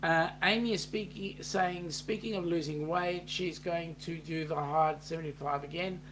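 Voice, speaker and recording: A man's voice: on the high side, normal speed, noisy background. A man with a New Zealand accent co-hosting a casual live chat, reading out viewer comments with plenty of ums. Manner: relaxed, reads out chat messages with filler ums.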